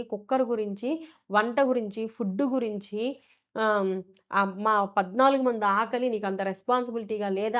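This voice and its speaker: A woman with a fairly high voice delivers a reality show review straight into a close mic. She talks in an animated, sharply critical way and quotes the contestants in her own voice as she goes. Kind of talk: opinionated episode commentary.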